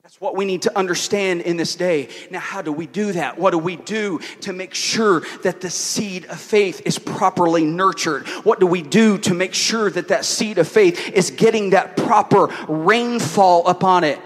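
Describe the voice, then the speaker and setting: A man preaching a sermon to a congregation, repeating key words, asking rhetorical questions and dropping from loud to hushed. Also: high-pitched, moderate pace, hardly any pauses. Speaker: pastor. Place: church hall with an audience. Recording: long hall reverb.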